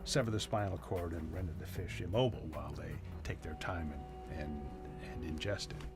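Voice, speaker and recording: A man's voice: deep voice, brisk. A man explaining as an expert interviewee in a nature documentary. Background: background music.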